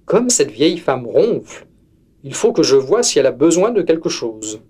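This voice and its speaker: A man's voice: fairly high pitch, sing-song, normal speed, mellow, breathy edge. A man voicing a bold, forthright hunter in a storybook reading. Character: bold male hunter, gruff and brisk.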